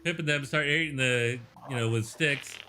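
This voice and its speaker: A man's voice: medium pitch, normal speed, heavy background noise. A man narrating a tabletop game as game master, in a loose, rambling way. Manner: loose, filler-heavy storytelling.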